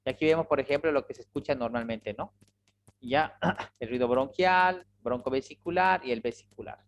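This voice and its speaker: A medical lecturer giving an online lesson to students, explaining step by step and often checking in quick questions. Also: medium pitch, low-quality recording.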